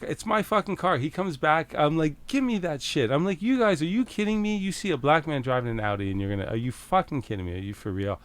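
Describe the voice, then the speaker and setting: A middle-aged Canadian man telling a story as a podcast guest, casual and animated, swearing freely and acting out the back-and-forth. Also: medium pitch. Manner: animated, swears freely, acts out quoted exchanges.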